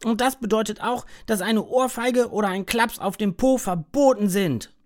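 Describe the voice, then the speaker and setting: A woman voicing a curious, brave young boy who calls out loudly in a storybook. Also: on the low side, moderate pace, husky, voice pushed up. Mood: shouting upset. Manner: excited, loud calling out.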